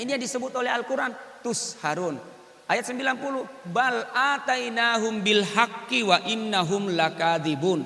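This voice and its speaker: A man's voice: sits high, creaky, sharp tone. A middle-aged man preaching a Quran study lecture, chatty, joking with and quizzing his audience. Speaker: Islamic preacher. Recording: long hall reverb.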